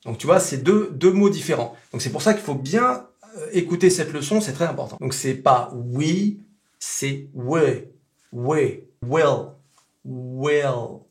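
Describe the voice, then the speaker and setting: A native French speaker giving a casual pronunciation lesson, repeating sounds slowly to demonstrate them. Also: male voice, on the high side, lively intonation. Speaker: English pronunciation teacher.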